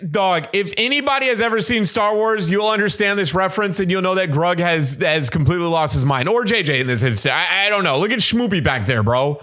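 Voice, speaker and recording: A man's voice: sits high, lively intonation, a little fast, hardly any pauses, sharp tone. A young man hosting a reaction video, chatting casually in slang and laughing as he talks to viewers.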